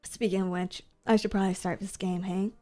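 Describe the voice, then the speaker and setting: Over faint music, this woman talks a little fast in a flat, dark-toned, mid-range voice. She's a VTuber and streamer, chatting loosely with her audience as she games, wandering off-topic and saying the same phrases again and again.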